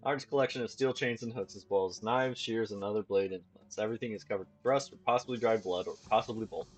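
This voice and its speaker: A man's voice: fairly low pitch, quick pace, husky, faint music behind, poor audio. A man reading a video game's text aloud as a let's play host, stumbling and restarting now and then. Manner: plain reading with slips and restarts.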